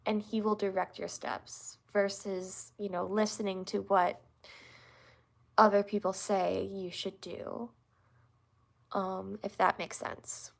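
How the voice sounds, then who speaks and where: Slightly stuffed up from allergies, this young livestreamer speaks slowly in a creaky, medium-pitched, level voice. Her earnest, casual talk about faith wanders as she responds to viewers, full of fillers and false starts.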